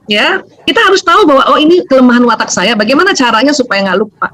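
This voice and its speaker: A woman, giving a lively seminar talk as a doctor, laughing often and acting out voices. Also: sits high, fast talker, rough recording.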